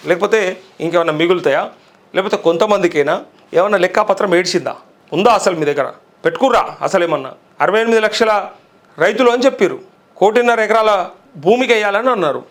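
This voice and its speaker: Male political commentator, Telangana Telugu accent, quick-talking, sarcastic and heated. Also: sits high, fairly bright tone. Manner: sarcastic, heated, rhetorical questions.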